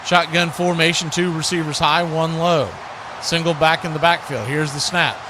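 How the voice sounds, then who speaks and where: A man's slightly high voice, mostly even in intonation, calls live American football play-by-play at normal speed. Short, clipped phrases swell in volume on big plays, set against the background noise of a live stream.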